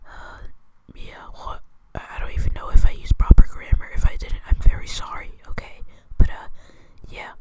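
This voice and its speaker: A man's voice: normal speed, few pauses. A young man hosting his channel in a hesitant whispered role-play, rambling and jokey, with many fillers and restarts. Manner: jokey, crude. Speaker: channel host. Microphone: close mic.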